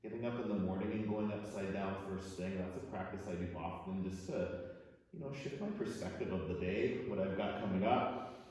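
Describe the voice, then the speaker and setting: A man's voice: deep voice, brisk, a little mellow, slight background noise. Encouraging male yoga teacher in an echoey room. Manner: encouraging, laughs often. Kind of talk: guiding a yoga session. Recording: very echoey room, long reverb, distant mic.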